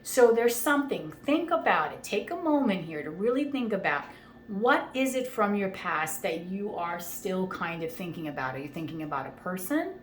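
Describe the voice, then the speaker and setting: A woman's voice: on the low side, expressive, normal speed. Chatty woman tarot reader, echoey room. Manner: chatty, reassuring, frequent "okay?" check-ins. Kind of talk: casual tarot reading monologue. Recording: echoey room with faint ambient noise.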